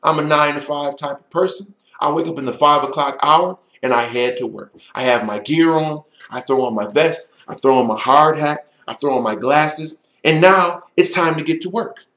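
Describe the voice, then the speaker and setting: A man's voice: on the high side, moderate pace, hardly any pauses, a bit bright. A man giving a motivational locker-room style pep talk to sports fans, emphatic yet conversational, posing rhetorical questions. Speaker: sports fan commentator. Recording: echoey room.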